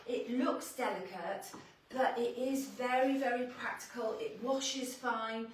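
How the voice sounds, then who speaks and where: A woman's voice: on the high side, unhurried, slight background noise. A woman who runs a boutique, chatting casually on a livestream as she shows and tries on clothes, laughing often. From Wales. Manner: chatty, laughs often, talks while changing outfits. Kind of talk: casual live shopping chat. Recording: echoey shop room, voice from a distance.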